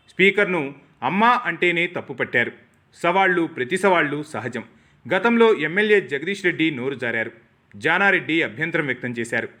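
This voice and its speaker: Male newsreader, slightly high, bright tone, formal measured script read. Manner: formal, measured delivery in short declarative sentences. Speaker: news narrator. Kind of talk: scripted news commentary.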